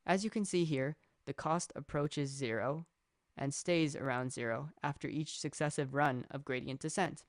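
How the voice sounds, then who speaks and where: A young man from Canada giving a steady, scripted narration that explains code as a student presenter. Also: on the high side, normal speed, dry recording, studio quality. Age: young adult.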